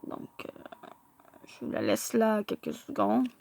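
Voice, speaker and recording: A woman's voice: mid-range voice, sing-song, slow pace, gravelly, darkish tone, slight background noise. A woman showing her card collection in a casual vlog, hesitant and full of filler sounds as she stumbles over English names.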